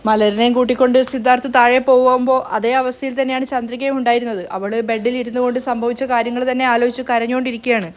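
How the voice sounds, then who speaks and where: A woman narrates a serial's plot in a brisk, hurried retelling, her voice sitting a little high. She rushes through events at a very quick clip and now and then trips over a word and restarts. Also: flat delivery. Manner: brisk retelling with small stumbles. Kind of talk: rapid spoken story recap.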